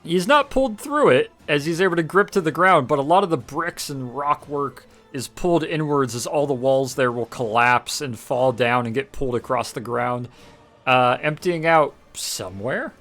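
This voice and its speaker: A man narrating as game master, animated and laughing often as he counts out rolls and moves. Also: medium pitch, moderate pace, faint music behind.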